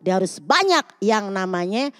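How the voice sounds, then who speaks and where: A woman's voice: medium pitch, very animated, moderate pace, a bit bright, no room sound. A woman preacher giving a playful, teasing sermon on a TV studio show. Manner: playful, teasing, acts out quotes. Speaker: Islamic preacher. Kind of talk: humorous TV sermon.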